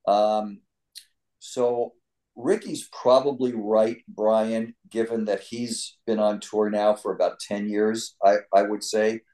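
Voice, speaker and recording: A man's voice: lowish voice, level tone, slow, dark tone. Dry-witted older man co-hosting a sports podcast. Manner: dry and wisecracking, thinking aloud. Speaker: podcast co-host. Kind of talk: casual sports podcast chat.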